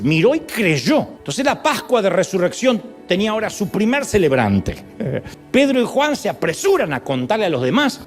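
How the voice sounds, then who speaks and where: A high-voiced male preacher with an Argentine accent, storytelling with wide, animated swings of pitch. He breaks into humorous asides and acts out the quotes he tells. Soft music plays underneath him. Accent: Argentine Spanish. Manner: dramatic storyteller, acting out quotes with sudden high cries. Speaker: pastor. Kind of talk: sermon.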